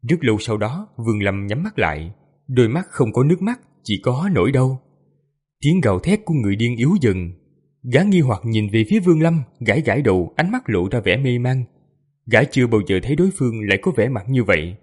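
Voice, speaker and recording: A man narrating a fantasy audiobook with an expressive, lively delivery. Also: mid-range voice, a little fast, husky. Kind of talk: storytelling narration.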